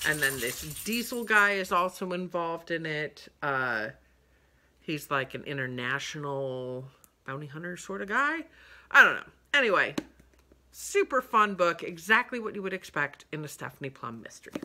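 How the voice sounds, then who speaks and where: In her living room, a woman in her fifties records a casual book review chat on a webcam at desk distance. Her deep voice sounds pushed and bright, and this book vlogger rambles with lots of ums and uhs.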